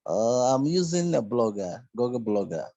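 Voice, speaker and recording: A man from Ghana asking a question on an online workshop call, speaking in a hesitant, halting way. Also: mid-range voice, big pitch swings, warm tone, dry recording, muffled recording. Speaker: workshop participant.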